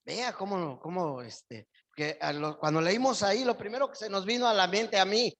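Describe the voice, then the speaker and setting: A man's voice: high-pitched, moderate pace, fairly bright tone. A male pastor preaching a sermon in church, his voice surging up with emphasis on key phrases.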